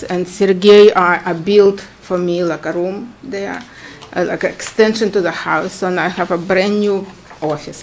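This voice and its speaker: A middle-aged woman with a Ukrainian accent speaks at a town meeting microphone. She talks in a chatty, halting way, with plenty of fillers and easy laughter, over a faint background hiss. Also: medium pitch. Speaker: applicant at a public hearing. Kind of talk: informal testimony at a town meeting. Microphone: standing microphone.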